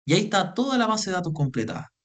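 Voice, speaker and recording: A man's voice: sits high, very animated, very fast, a bit bright. A young man teaching an online spreadsheet class, patiently repeating himself as he explains. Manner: patient, repeats phrases, calls students "chiquillos". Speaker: Excel workshop instructor.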